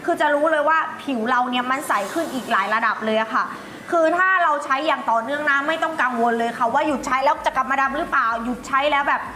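High, bright saleswoman in echoey room. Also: quick pace, hardly any pauses. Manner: polite, persuasive, talks directly to viewers. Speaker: live-stream seller, brand owner. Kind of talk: live online sales pitch, chatty. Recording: echoey room with faint background noise.

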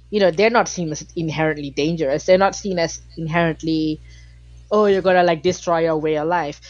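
Animated woman guest on a dull line. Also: fairly low pitch, no echo. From Malaysia. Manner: animated, emphatic, frequent fillers. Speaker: podcast guest. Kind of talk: casual interview talk.

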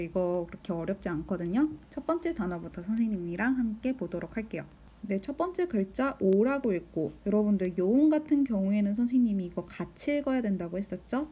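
A woman teacher giving a recorded lesson, patiently asking the class questions, answering them herself and counting beats aloud slowly. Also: mid-range voice, dark tone, husky, highs cut off. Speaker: Japanese teacher. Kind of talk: recorded school lesson explanation.

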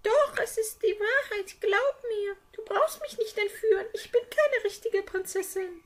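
A woman's voice: very high-pitched, a little slow. A woman voicing an earnest young girl in a puppet theater play, talking in a pleading way.

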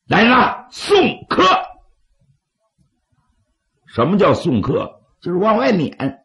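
A man, as a dramatic storyteller, voicing a stubborn, blustering bandit chieftain with a gravelly voice. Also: sits high, big pitch swings, takes it slowly, a bit bright, voice pushed up, full character voice. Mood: defiant. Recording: slightly dull, lo-fi audio.

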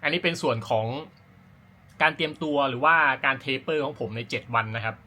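Bright, forceful man chatting casually. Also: fairly high pitch, fairly quick. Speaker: amateur runner hosting a running vlog. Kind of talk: casual talk to camera about personal routine.

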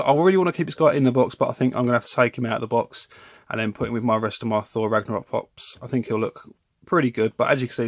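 A man with a mid-range voice reviews a collectible figure at home, speaking casually from behind the camera in a rambling way and correcting himself as he goes. He's a toy reviewer in a room lined with toy shelves. The recording is clean studio sound with no room noise.

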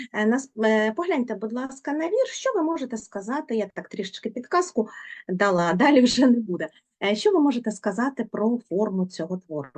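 A woman's voice: mid-range voice, a little mellow. A woman teaching a poetry lesson, prompting her students with questions and coaxing them to answer. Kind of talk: literature lesson.

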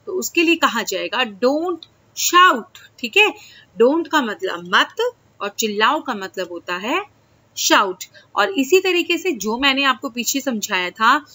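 Bright-voiced woman teaching English phrases. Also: fairly high pitch. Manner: explains Hindi phrases in English, checks with frequent "ठीक है?"; slow, drawn-out example sentences. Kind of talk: classroom-style lesson to children.

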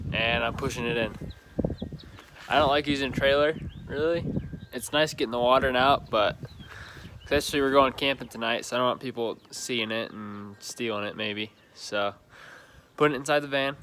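A young man talks in a relaxed, rambling vlog voice, filming himself on a phone held at arm's length. His pitch sits in an ordinary middle range. A faint hum of outdoor noise sits under his voice. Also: moderate pace, long pauses. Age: young adult. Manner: laid-back, rambling, easygoing. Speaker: vlogger. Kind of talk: casual vlog narration. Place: outdoors and at home, handheld. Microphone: phone camera at arm's length.

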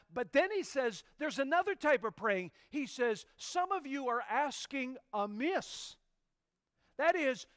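A middle-aged male pastor preaching a sermon in a notably high, smooth and resonant voice. He leans hard on key words, jumping from loud to quiet. The sound is dry and close. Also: no echo. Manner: emphatic preaching with sharp swings in loudness.

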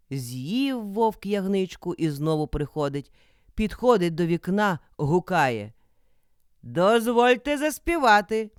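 An actress with a Ukrainian accent, reading a folk fairy tale aloud in an expressive, dramatic way. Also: female voice, on the low side, clear, resonant tone, no room sound, studio quality. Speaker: actress narrator. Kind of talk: storybook reading.

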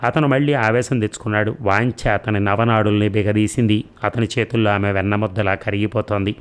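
Male audiobook narrator, low-pitched, calm and measured. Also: smooth. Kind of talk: storytelling narration.

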